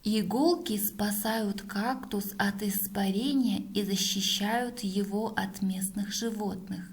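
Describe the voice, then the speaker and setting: Very slow-paced woman dictating. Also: medium pitch, steady tone. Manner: dictating word by word with long pauses, repeating sentences. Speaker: teacher. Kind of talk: dictating a school dictation to pupils.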